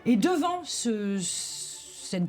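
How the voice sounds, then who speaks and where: A woman game master improvising descriptive tabletop narration, often pausing to search for words. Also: fairly high pitch, big pitch swings, a little mellow, soft background music.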